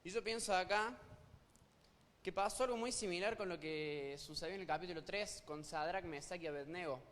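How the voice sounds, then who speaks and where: A man's voice: high voice, moderate pace, fairly bright tone. A man with an Argentine accent preaching a sermon, reading scripture aloud with dramatic emphasis. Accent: Argentine Spanish. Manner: dramatic reading of scripture, acting out pleading voices. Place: church hall. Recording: church hall reverb.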